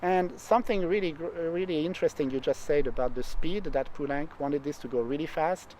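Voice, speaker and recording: A man, a literary scholar, discussing a poem in relaxed conversation and getting animated when he tells stories. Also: fairly high pitch, brisk, a little hiss or hum, rough recording. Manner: animated, speeds up and gets excited when telling stories.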